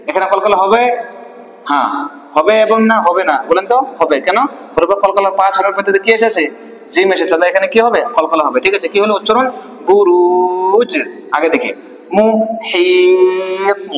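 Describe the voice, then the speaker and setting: A man's voice: high voice, fairly bright tone. Man, Quran teacher, drills syllables, asks and answers himself, echoey room. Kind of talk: recitation lesson. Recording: echoey room with long reverb.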